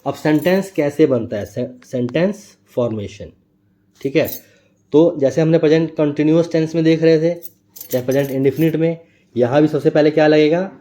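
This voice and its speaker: Male tutor with a mellow, darker voice, a patient explainer who checks understanding often. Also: a little high, normal speed. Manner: explains step by step, checks with a tag question. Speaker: teacher. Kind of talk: grammar lesson.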